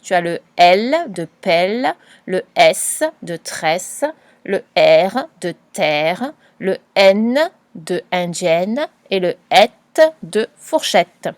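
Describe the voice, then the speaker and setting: A woman teacher giving a patient, clearly spoken dictation lesson to a young pupil, spelling out letters and sounds. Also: lowish voice, expressive, very slow, dry recording. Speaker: primary school teacher.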